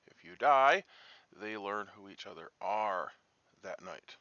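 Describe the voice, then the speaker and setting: A man's voice: on the low side, animated, takes it slowly, pushed and bright, no echo, dull audio. A man talking casually through a game, reasoning aloud with emphatic, uneven delivery. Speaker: player in an online social deduction game.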